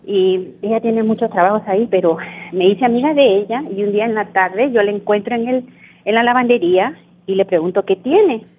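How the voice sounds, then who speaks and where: Woman caller, husky, tinny phone line, tells her story bit by bit. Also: medium pitch, fairly quick. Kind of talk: casual call-in question. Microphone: telephone.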